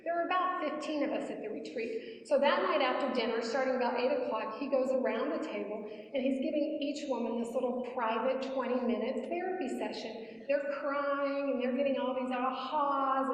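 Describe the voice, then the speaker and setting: A middle-aged woman telling a personal story to an audience, moving from hushed, quiet passages to loud, dramatic ones. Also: high voice, a little hiss or hum. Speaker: speaker. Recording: echoey hall, picked up from far off.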